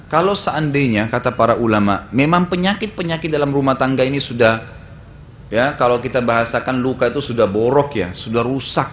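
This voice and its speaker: Male preacher in a dull lo-fi recording. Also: medium pitch. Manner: conversational storytelling with frequent tag fillers. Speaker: Islamic preacher. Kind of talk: sermon lecture.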